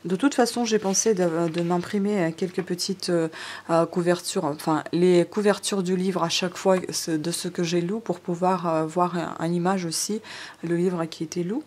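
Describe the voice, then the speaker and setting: A woman's voice: on the low side, steady tone, moderate pace, darkish tone. A woman vlogging a haul, hesitant, with many fillers and restarts as she talks viewers through each item. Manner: chatty, addresses viewers directly. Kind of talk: casual show-and-tell vlog. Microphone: DSLR camera on tripod.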